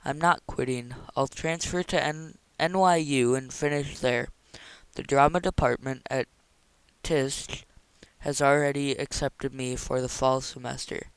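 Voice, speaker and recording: Young woman, insistent and earnest, man reading her lines, smooth tone. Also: medium pitch, steady tone, unhurried, no room sound, lightly acted.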